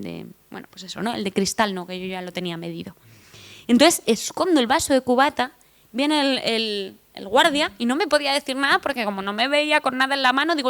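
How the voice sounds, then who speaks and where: A young woman with a Madrid Spanish accent tells funny stories about herself at a conference, speaking in a slightly high voice. She jokes at her own expense and throws asides to the crowd. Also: a little fast, fairly bright tone. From Spain (Madrid). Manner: chatty, joking, self-deprecating, with asides to the audience. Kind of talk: humorous personal storytelling talk. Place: conference stage before an audience.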